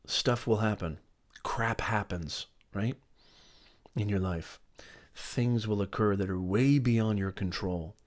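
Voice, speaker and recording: A man's voice: on the low side, slow. A middle-aged man hosting a motivational live stream, talking emphatically, repeating his points and greeting viewers by name.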